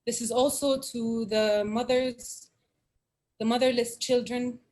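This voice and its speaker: A woman from Syria, a poet, talking over a video call and then reading spoken word poetry in an earnest, measured way with dramatic repetition. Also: a little high, flat delivery, darkish tone.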